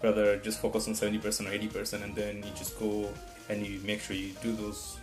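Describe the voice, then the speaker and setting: A man whose first language isn't English rambles through casual test-prep advice to camera, restarting frequently and checking in with "right?". He speaks fast in a low voice with a totally flat delivery, while guitar music plays behind him.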